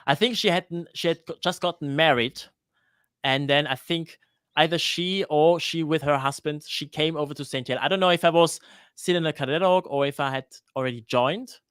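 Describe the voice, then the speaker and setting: A man's voice: on the high side, normal speed, fairly bright tone, clean tone, dry recording, clean studio sound. A man in his thirties from Denmark, a guest on a live-streamed interview, talking hesitantly with many restarts. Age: 30s.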